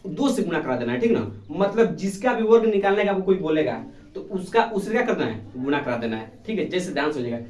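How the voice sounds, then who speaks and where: A man's voice: high-pitched, darkish tone, recorded from a distance, slight background noise. A man teaching a basic math lesson to children, asking questions and answering them himself in a patient, repetitive way. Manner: calls pupils "babu", affectionate. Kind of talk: classroom lesson. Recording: echoey room, voice from off the mic.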